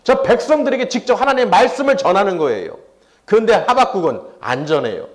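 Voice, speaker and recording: A man with a notably high voice delivers a sermon as a pastor. He talks in lively bursts, acting out pleading questions to God, then drops low to address the congregation and ask for their amens. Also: fast. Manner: animated, acts out prophet's complaints to God with rising pitch; asks congregation for responses.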